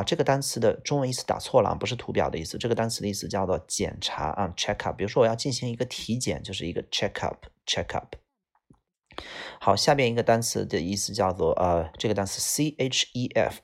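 A man's voice: on the low side, vocal fry. A man teaching English vocabulary to students, explaining one word after another and repeating each key word. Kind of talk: vocabulary lesson.

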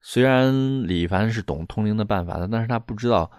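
A man's voice: fairly low pitch, fairly quick, darkish tone, no echo, studio quality. A man casually retelling a ghost-hunter story, wandering through fillers and restarts. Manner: meandering, full of fillers and restarts.

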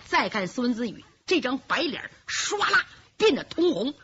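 A woman performing traditional pingshu storytelling, lively and dramatic, with vocal sound effects. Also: sits high, moderate pace, slight background noise. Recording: lo-fi muffled recording.

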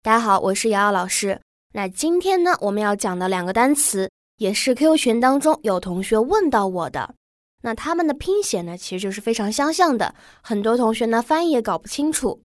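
Woman language teacher, bright-ish higher voice, dry studio read, slow deliberate model words. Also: very animated, dry recording. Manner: slow, drawn-out model pronunciations. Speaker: English teacher. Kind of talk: pronunciation lesson.

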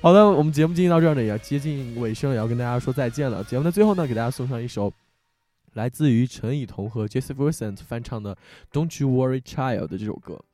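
A man's voice: mid-range voice, quick pace, faint music behind. A young man hosting an audio show, telling funny stories in casual chat and laughing often. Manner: animated storyteller who laughs often. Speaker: show host.

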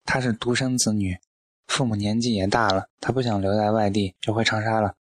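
A man's voice: lowish voice, fairly even intonation, fairly quick, slight background noise, natural voice. Man reading as an exasperated young son. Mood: defensive. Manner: exasperated protesting.

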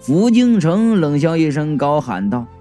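A man narrating a comic ghost story in a lively, colloquial way, voicing the characters. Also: on the high side, a little slow, faint music behind.

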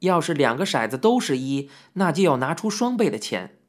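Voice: mid-range voice, sing-song, fairly quick. An audiobook narrator telling a first-person memoir in a reminiscing storytelling manner, with occasional asides to the listener.

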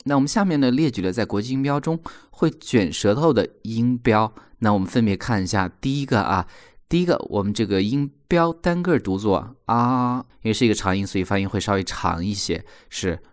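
A man teaching English pronunciation in a recorded lesson, explaining patiently and repeating example words slowly. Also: on the low side, expressive.

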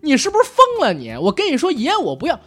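A man's voice: fairly high pitch, wildly swooping pitch, fast talker, a little mellow, breathy edge, soft background music, heavily acted. A man voicing a haughty, poor old antique seller who talks down to people with brash scorn. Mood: scornful.

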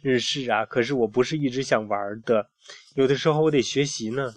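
A man's voice: mid-range voice, brisk, dry recording, lightly acted. A man voicing a small, timid, curious boy who asks plaintive questions. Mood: wistful.

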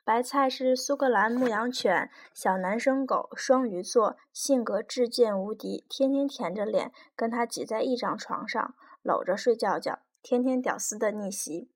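Woman reading an audiobook, slightly high voice. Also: normal speed, few pauses. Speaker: audiobook reader. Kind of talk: scripted audiobook narration.

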